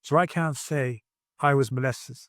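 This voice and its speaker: An earnest man in his sixties tells his personal story as a podcast guest, speaking from his home over a video call. He talks reflectively, often restarting his sentences. His voice sits at an ordinary pitch, and the recording is dry. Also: steady tone, a little slow, no room sound. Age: 60s.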